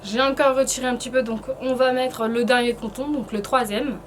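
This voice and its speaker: A woman's voice: on the high side, fairly even intonation, a little fast, soft background music. A woman giving a casual, chatty beauty tutorial, hesitant and informal, her speech slightly impeded by painful braces. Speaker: beauty vlogger presenting a tutorial.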